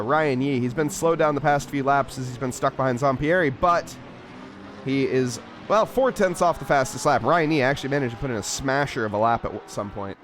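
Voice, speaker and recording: A man giving casual, animated play-by-play commentary on a live race. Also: mid-range voice. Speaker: sim racing commentator. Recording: clear engine and car noise behind. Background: race car sounds.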